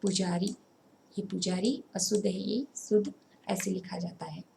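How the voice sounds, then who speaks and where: A woman teaching a grammar lesson, explaining slowly and pointing things out step by step. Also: mid-range voice, steady tone, gravelly, mellow, a little hiss or hum. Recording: roomy echo.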